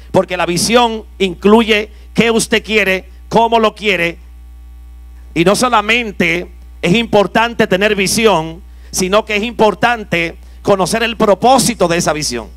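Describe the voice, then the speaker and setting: A man preaching a sermon as pastor at a church conference, prompting the congregation to respond and reading scripture slowly in a lowered, softer voice. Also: dry recording. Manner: reads scripture slowly, dropping low and soft.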